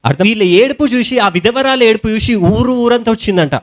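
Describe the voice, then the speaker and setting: Young male preacher, Telangana Telugu accent, high voice, colloquial storytelling sermon. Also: fairly quick. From India. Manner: storytelling sermon in colloquial speech, rising to shouted hallelujahs.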